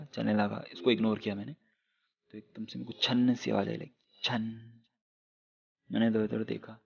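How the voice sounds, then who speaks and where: Gravelly, flat-voiced young man telling a ghost story. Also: lowish voice, muffled recording. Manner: chatty, sprinkles English fillers, addresses viewers as guys. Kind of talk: casual first-person horror story telling.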